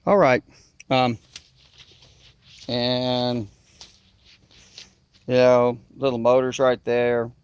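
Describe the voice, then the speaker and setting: A man's voice: medium pitch, completely flat delivery, extremely slow, long pauses, smooth, lo-fi sound. A man with a Southern US accent and a nasal twang, chatting in a folksy drawl to the camera outdoors. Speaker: outdoor video maker. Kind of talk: casual chat to camera. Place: outdoors in river bottoms.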